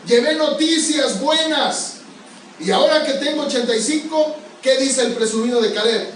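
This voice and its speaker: A man's voice: very high-pitched, moderate pace, slight background noise. A male pastor preaching a sermon, pressing the congregation with repeated questions. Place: church sanctuary. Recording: echoey church hall, far from mic.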